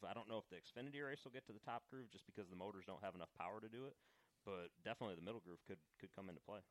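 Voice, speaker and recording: Fast-talking low-voiced man explaining. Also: poor audio. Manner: explains at length with repeated restarts. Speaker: race car driver guest. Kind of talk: casual chat.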